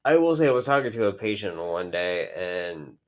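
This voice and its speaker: A low-pitched man chats loosely on his podcast. He rambles, trails off and fills gaps with likes and ums, sounding high and unhurried. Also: very animated, slight background noise. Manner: rambling, laid-back, trails off with fillers. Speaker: podcast co-host. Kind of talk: casual chat.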